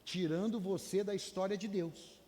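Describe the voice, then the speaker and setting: A man preaching a sermon in a Brazilian Portuguese accent, swinging between loud calls and hushed asides and urging the congregation to answer back. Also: high voice, steady tone, normal speed. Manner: urges the congregation to respond aloud. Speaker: pastor. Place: church hall. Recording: long church hall reverb.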